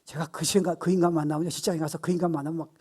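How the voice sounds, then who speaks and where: A man in his sixties preaching a sermon as pastor, animated and playful, acting out voices and laughing at his own jokes. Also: on the high side, racing.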